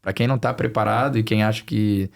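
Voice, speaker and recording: His voice runs on the low side, gravelly and steady, delivered at a quick pace. He's a financial planning expert guesting on a podcast, speaking casually with a Brazilian accent slightly mixed with European Portuguese and repeating phrases for emphasis.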